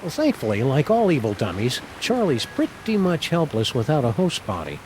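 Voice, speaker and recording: A man's voice: medium pitch, huge pitch swings, moderate pace, background noise. An actor playing a level-headed male dog detective in a cartoon video game, with wry, wordy wit. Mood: concerned.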